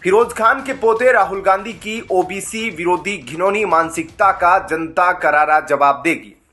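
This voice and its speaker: A man reading a scripted news voice-over in a steady, formal newsreader manner. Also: high-pitched, a little slow. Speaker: news narrator.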